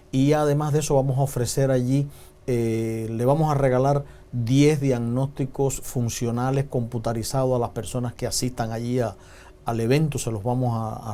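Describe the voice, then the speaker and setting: A man, a doctor appearing as a TV talk show guest, explaining medical topics in a calm, measured way. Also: medium pitch. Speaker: physician guest.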